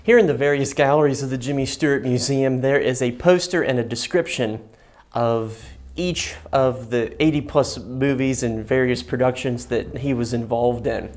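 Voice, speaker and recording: A man's voice: mid-range voice, fairly even intonation, normal speed, a little mellow. Man giving an explanatory museum tour. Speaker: host of a history and film channel, guiding a museum tour. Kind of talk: informal on-location guided tour narration. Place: inside a museum gallery.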